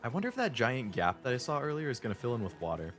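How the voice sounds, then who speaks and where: Animated, laid-back male game streamer. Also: mid-range voice, racing. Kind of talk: casual gameplay commentary and chat. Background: game music.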